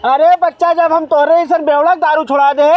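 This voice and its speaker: Extremely high-pitched sly fake holy man, acted by a man. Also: fairly even intonation, moderate pace, lo-fi sound. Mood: sly, bossy. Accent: eastern Uttar Pradesh. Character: sly fake village holy-man healer selling cures. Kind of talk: village comedy skit acting.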